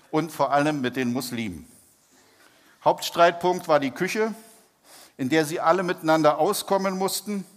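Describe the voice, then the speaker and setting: A man with a fairly high voice preaches, calmly telling a testimony story. He speaks in a measured way and draws out his words when he stresses a point. A long hall reverb trails each phrase. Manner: measured, slows down for emphasis.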